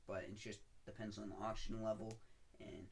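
A man's voice: lowish voice, little pitch movement, fairly quick, creaky. A young man co-hosting a podcast in casual chat, joking around and explaining things at length. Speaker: podcast co-host.

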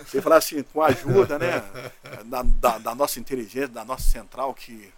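A man's voice: mid-range voice, brisk, slightly rough. A middle-aged man, a police officer guest telling a story and acting out the dialogue. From Rio de Janeiro, Brazil. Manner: lively, quotes both sides of conversations.

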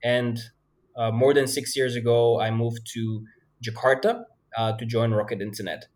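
A man in his thirties, from Bulgaria, speaking as a podcast guest. He talks at an ordinary middle pitch, thinking aloud and pausing often as he recounts his path. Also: steady tone, darkish tone. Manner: hesitant, many fillers and restarts. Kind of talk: conversational interview answers.

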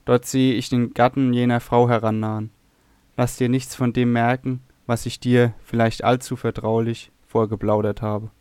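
A man's voice: medium pitch, flat delivery, normal speed, a little mellow, clean tone, no room sound, natural voice. A man voicing a troubled noble queen, speaking sadly and guardedly. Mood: urgent. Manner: sad, guarded.

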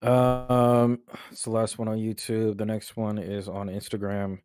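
A man's voice: fairly low pitch, completely flat delivery, a little slow, a little mellow, smooth, no echo, studio quality. A man co-hosting a casual comedy chat, laid-back and full of slang. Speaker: co-host.

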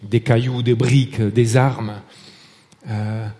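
A man preaching a sermon in a relaxed, conversational way. He tells stories, hesitates and restarts, and speaks French with a foreign accent. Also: medium pitch, slow, in a large hall.

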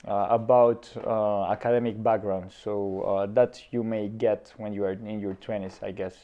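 A man of thirty from Colombia, a guest in a casual interview, talking with many pauses and fillers. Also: fairly low pitch, level tone, dull audio. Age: 30s.

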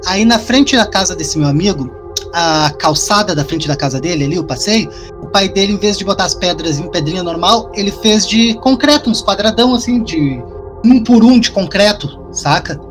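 A man co-hosting a podcast, telling a personal story in casual, animated, profane chat. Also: high voice, moderate pace, over music.

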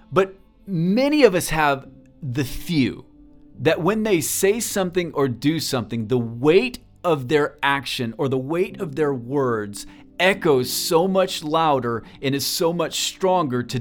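A man telling a personal story in a talk, earnest and halting, often repeating words as he goes. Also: on the high side, lively intonation, soft background music. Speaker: speaker.

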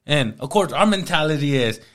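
With a voice that's a little high and a little fast, a man in his thirties narrates his life as an interview guest. He keeps it casual and animated, acting out plenty of quoted speech.

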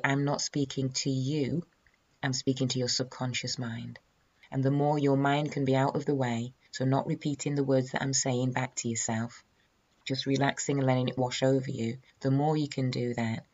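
A woman hypnotherapist guiding a self-hypnosis session in a calm, meditative, soothing way. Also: a bass voice, normal speed, slightly rough, lo-fi sound. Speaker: hypnotherapist and weight loss coach, podcast host.

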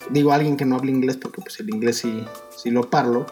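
A man's voice: medium pitch, fairly even intonation, fast, darkish tone, soft background music. A man with a Mexican accent co-hosting casually, joking in crude slang and swearing constantly. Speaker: podcast co-host. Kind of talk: casual chat.

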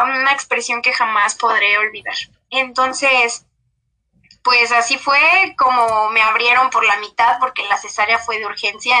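Young woman telling her story, high pitched, really sharp bright voice, lots of fillers. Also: low-quality recording. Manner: emotional retelling with many fillers. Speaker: interview guest. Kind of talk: personal testimony in conversation.

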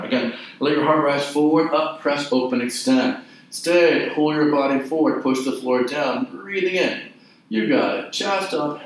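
A man leading an exercise class, giving short, clipped cues and counting repetitions in a measured rhythm. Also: fairly high pitch. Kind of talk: guided mat exercise instruction with counted repetitions. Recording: very echoey room, distant mic.

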